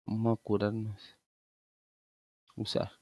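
Streaming a game from his small home room through a headset, a thirtysomething man with a Venezuelan Spanish accent rambles casually about gameplay with easy restarts. His lowish voice is mellow and slow, completely flat in delivery, and the recording is dry.

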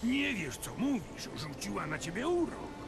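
An actor playing a self-righteous, angry monster hater in a video game, declaiming with indignation. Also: male voice, high voice, big pitch swings, normal speed, gravelly, music in the background, full character voice. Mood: furious.

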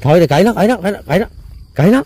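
A man's voice: sits high, lively intonation, fast talker, warm tone, breathy edge, no room sound. A man hosting a casual on-location interview, chatty and full of hesitation fillers and repeated words. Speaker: host.

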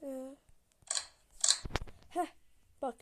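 A fairly high-voiced woman streams a horror game and comments casually as she plays. She swears freely and talks both to her viewers and to the game. Loud noise and clicks run behind her voice. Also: steady tone, extremely slow. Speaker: gameplay streamer.

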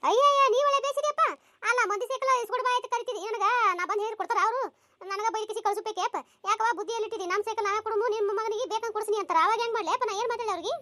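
A very high, squeaky cartoon voice that races along at a breakneck pace. It sounds bright and sharp and is recorded dry and close. The performer scolds and nags as a comic village family. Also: rapid-fire, no room sound. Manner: scolding, nagging village chatter with crying whines.

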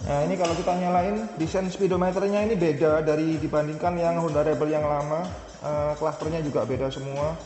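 A motovlogger gives a relaxed walkaround of a motorcycle, listing specs and features chattily with fillers and self-corrections. His fairly high voice is level and darkish in tone, fairly quick, and reverberates through a large hall with faint music in the background.

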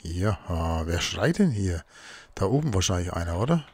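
A man's voice: sits low, very animated, moderate pace, darkish tone, a little hiss or hum. A man giving casual let's play commentary, muttering to himself as he works through crafting.

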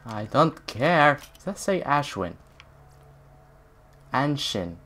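A man's voice: mid-range voice, sing-song, takes it slowly, sharp tone, a little hiss or hum. A man giving casual let's-play commentary in a silly, mocking way, full of mumbled asides. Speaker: gaming youtuber.

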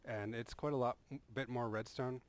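A man with a mid-range voice and moderate pace casually talks through a game build in a tutorial voice-over. It's a loose, rambling explanation, punctuated by restarts and "uh."

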